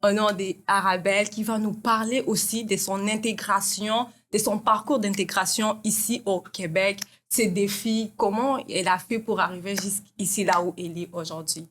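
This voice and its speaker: A woman's voice: medium pitch, steady tone, normal speed, few pauses, a bit bright. A woman hosting a casual interview podcast, friendly and encouraging, often repeating her guest's answers back. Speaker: podcast host.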